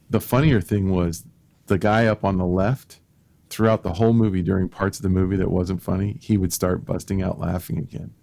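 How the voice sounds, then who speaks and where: Deep-voiced man telling stories animatedly. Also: creaky. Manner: animated storyteller, laughs at own tales, many restarts. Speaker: podcast co-host. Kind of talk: casual storytelling chat.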